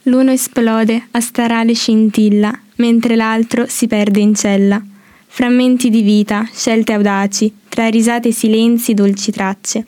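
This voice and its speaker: Flat-voiced teenage girl reading poetry. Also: a little high, a little slow, dry recording. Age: teens. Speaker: student reading her poem.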